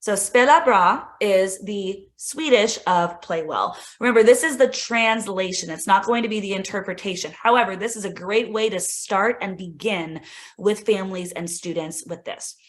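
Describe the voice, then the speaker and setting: In a casual screen-share tutorial, a female instructional coach shows teachers some software at normal speed. Her medium-pitched voice bounces with enthusiasm, and her chatty, informal talk is full of "like" and "right?".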